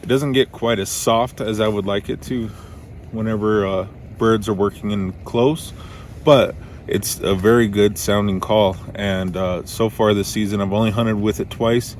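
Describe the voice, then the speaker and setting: Low-voiced man giving a casual how-to. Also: steady tone, moderate pace, slight background noise. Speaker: duck calling instructor.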